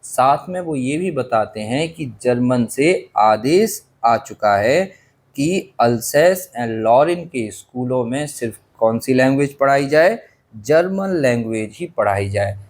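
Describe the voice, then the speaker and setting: A male teacher explaining an English chapter in a lesson, pausing to ask his class rhetorical questions and coughing now and then. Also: mid-range voice, animated. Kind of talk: Hindi-medium English literature lesson.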